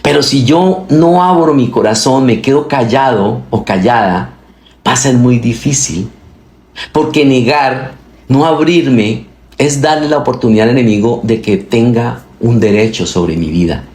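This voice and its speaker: A man's voice: medium pitch, unhurried, darkish tone, echoey room. A male pastor preaching a sermon, reading scripture aloud and asking the congregation questions, with his delivery rising and falling for emphasis.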